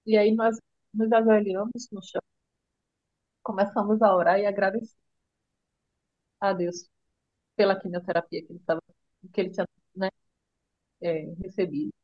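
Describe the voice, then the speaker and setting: A middle-aged woman with a Brazilian Portuguese accent, telling her son's illness story in a tender, halting way with many restarts. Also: medium pitch, steady tone, no echo, dull audio. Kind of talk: emotional personal storytelling.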